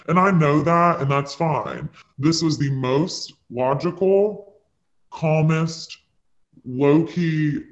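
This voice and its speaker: A man's voice: mid-range voice, reverberant. A young man telling a long personal story in a casual, rambling way, peppered with "like" and dramatic asides. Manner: rambling, full of "like" fillers, dramatic retelling. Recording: dull lo-fi recording.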